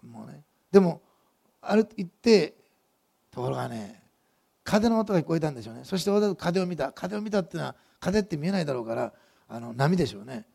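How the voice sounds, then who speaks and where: At a quick pace, this pastor preaches a sermon, his breathy, husky voice pitched high for a man and edged with gravelly fry. He recounts the scene as a vivid story, putting questions to the congregation along the way.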